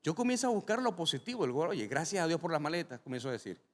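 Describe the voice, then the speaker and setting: A man, a pastor, preaching a sermon and telling a personal story, speaking straight to the congregation in a lively way. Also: fairly high pitch, rapid-fire. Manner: animated, addresses the congregation directly. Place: large church hall with a congregation. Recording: long reverb from a large hall.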